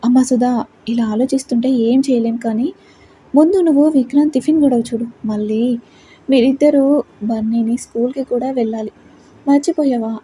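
A woman reads as an elderly grandmother in a storybook tale, fond of her granddaughter-in-law and quick to fret. Her voice is high but very mellow and dark in tone, and she speaks in affectionate, worried questions. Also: slight background noise, close to an everyday voice, rough recording.

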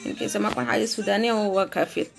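A woman leads a live online French lesson. Her voice sits at a middling pitch, and soft music plays faintly behind her. She says each phrase slowly and clearly, then moves into quick, casual chat. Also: steady tone. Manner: slow, deliberate repetition of phrases for drilling; quick, conversational asides with fillers. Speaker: French teacher.

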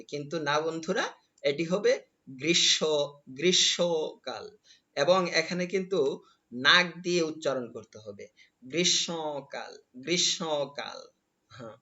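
Guy teaching a class, bright tense voice, says each word over n over, kinda dull lo-fi sound. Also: fairly high pitch. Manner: repeats each word slowly for students to copy. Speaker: Bengali lecturer. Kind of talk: classroom lecture.

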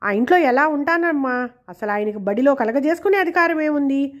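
A loyal old male servant who speaks bluntly in rustic words and sounds forever wronged, as a woman reads him out. The voice sits high. He is a storybook figure whose complaints come out plainly. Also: expressive, brisk. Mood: indignant. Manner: blunt and aggrieved, rustic speech.

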